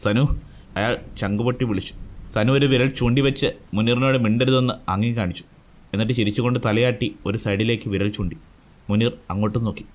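A man narrating a crime thriller story in a steady, suspenseful scripted reading. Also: medium pitch, fast talker.

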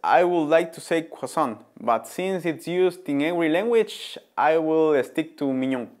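Man in his twenties, Ecuadorian Spanish accent, thoughtful, pauses with fillers, studio interview. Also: a little high, expressive, a little mellow, faint music behind. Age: 20s. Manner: thoughtful, hesitant with frequent fillers. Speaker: interviewed student. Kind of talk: answering interview questions. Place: indoor studio before a printed backdrop.

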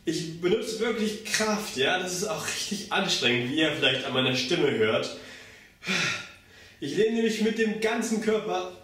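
Slightly slow and a bit bright, this young man's fairly high, expressive voice guides a step-by-step circus pantomime demonstration as he stays physically active. A distant camera mic records him in a bare indoor room whose hard walls make it very echoey.

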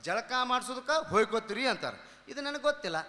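A man with a North Karnataka accent performs stand-up comedy, spinning folksy stories and dropping into character voices. His voice sits high and rings bright and sharp. A long hall reverb trails behind every line on the stage recording. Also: fast. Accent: North Karnataka Kannada. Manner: lively folksy storytelling, slipping into character voices. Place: comedy stage before an audience.

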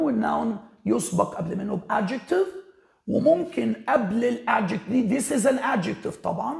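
A man with an Egyptian Arabic accent teaches English vocabulary. His high voice has a strong gravelly fry. He reads example sentences slowly in an echoey room. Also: darkish tone. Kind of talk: recorded vocabulary lesson.

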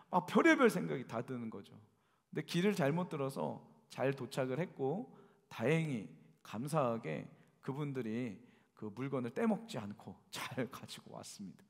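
A man pastor preaching a sermon, telling a story, and moving between quiet passages and loud exclamations. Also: fairly high pitch, vocal fry. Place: church sanctuary. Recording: reverberant church hall.

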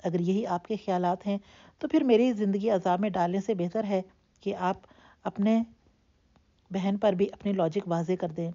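A woman's voice: mid-range voice, dark tone, lightly acted. A woman voicing a hurt young bride who speaks sharply and bitterly, in a dull lo-fi recording. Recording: dull lo-fi audio.

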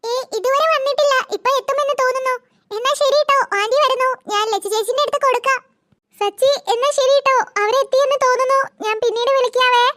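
A woman voicing a cheeky little girl in a cartoon, chattering quickly. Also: extremely high pitch, fairly even intonation, a bit bright, dry recording. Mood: chirpy.

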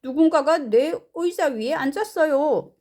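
A woman's voice: sits high, unhurried, darkish tone, voice pushed up. A woman voicing a startled, worried father in a picture-book read-aloud, exclaiming in alarm.

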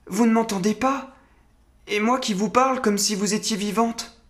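Man doing a little country boy, high voice, eager, earnest, apologetic, storybook reading. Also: moderate pace, close to an everyday voice.

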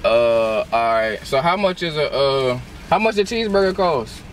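A young adult man plays a prankster customer at a drive-through, chatting casually and rambling in slang. His voice is medium-pitched and animated at a moderate pace, captured by a handheld camera inside a noisy car.

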